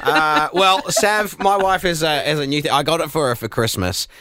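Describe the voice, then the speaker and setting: A man's voice: on the high side, expressive, moderate pace, a crowd in the background. A man co-hosting a podcast, telling jokey stories in a casual chat and laughing at them. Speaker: podcast co-host.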